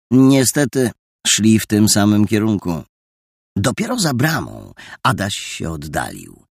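A man reading a story aloud in an expressive, lively storytelling manner. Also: fairly low pitch, vocal fry, slightly rough, no room sound, studio quality. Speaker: narrator. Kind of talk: audiobook narration.

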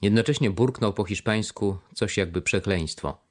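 Man, low voice, audiobook narration, measured, scripted storytelling.

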